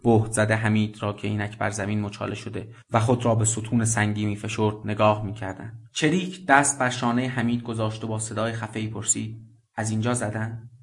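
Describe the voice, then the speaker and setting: A man reading a literary story as a radio narrator, measured and deliberate. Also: lowish voice, level tone, creaky. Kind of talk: scripted narration.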